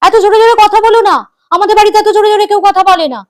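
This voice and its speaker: A woman playing a shrill scolding mother-in-law. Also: steady tone, rapid-fire. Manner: scolding, lecturing. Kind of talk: comic family sketch.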